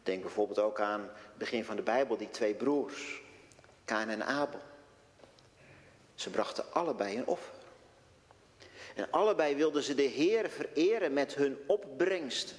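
A man preaching a sermon in a church, slow and deliberate, posing rhetorical questions to his congregation. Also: medium pitch. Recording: long reverb of a church hall.

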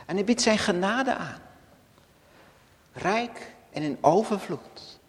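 A man's voice: sits high, animated, slow pace. A man preaching a solemn sermon to his congregation, swelling to emphasis and dropping to near whispers. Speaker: pastor. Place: church hall. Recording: long church reverb.

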